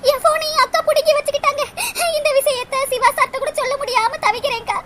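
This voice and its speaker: A woman's voice: extremely high pitch, fast talker, fairly bright tone, slight background noise. A woman voicing a tearful young cartoon woman with a southern Tamil accent, pleading and sobbing between words. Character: tearful young woman forced into an arranged match. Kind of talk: dubbed cartoon comedy.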